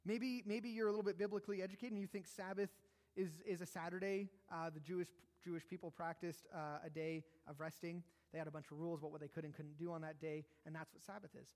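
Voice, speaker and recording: High-voiced man preaching in a reverberant hall. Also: steady tone, fast, a little mellow. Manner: self-deprecating, conversational with jokes and asides. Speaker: pastor. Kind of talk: sermon.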